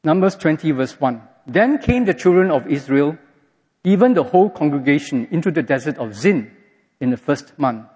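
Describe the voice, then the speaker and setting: A man preaching a sermon, reading scripture aloud and telling the story in an animated way, recorded in a dull, echoey hall. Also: fairly high pitch, normal speed, breathy edge. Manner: animated storytelling, acts out quotes.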